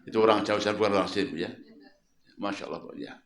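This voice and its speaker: A man preaching a sermon at home, telling a story with lively questions to his listeners. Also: fairly low pitch, quick pace. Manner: lively storytelling, questions the audience and repeats words. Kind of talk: sermon to a local congregation. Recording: roomy echo.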